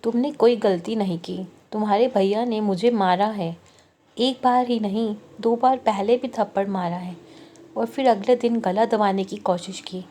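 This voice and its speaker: Storybook role: angry young wife, sharp and irritated, read by a woman. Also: mid-range voice, measured pace, natural voice. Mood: exasperated.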